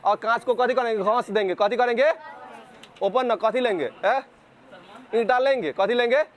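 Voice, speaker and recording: A man's voice: very high voice, moderate pace. A male physics teacher with a Bihari accent, lecturing a class and firing repeated questions at the students, sometimes scolding them.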